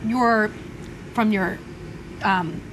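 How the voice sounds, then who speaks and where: A woman's voice: medium pitch, extremely slow. A middle-aged woman demonstrating a product in chatty sales talk as a home shopping host. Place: TV studio kitchen set. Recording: clear background noise, studio ambience.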